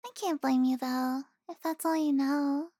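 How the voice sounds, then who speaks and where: A young woman playing an affectionate, teasing girlfriend in an intimate audio roleplay, speaking softly with sighs and giggles. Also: high voice, steady tone, a little slow, dry recording, clean studio sound.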